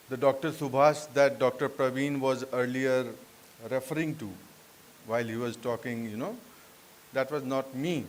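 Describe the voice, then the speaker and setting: A man with an Indian accent giving a deliberate public address as an invited speaker. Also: medium pitch, a little hiss or hum, rough recording. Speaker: institute director, invited speaker. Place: auditorium at a convention.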